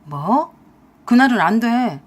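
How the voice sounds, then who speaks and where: A lazy, scheming husband in a radio drama, as a woman puts him on with a lowered voice. He is defensive and wheedling, and his pitch still bounces around a lot. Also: expressive, moderate pace, breathy edge. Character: lazy scheming middle-aged husband, whiny.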